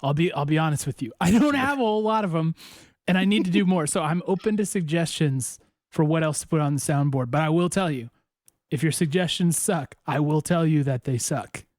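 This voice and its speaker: A man's voice: fairly high pitch, animated, brisk, darkish tone, no echo, studio quality. A man co-hosting a livestream through a headset mic, chatting casually and joking with his chat. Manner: joking, talks straight to chat. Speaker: livestream co-host.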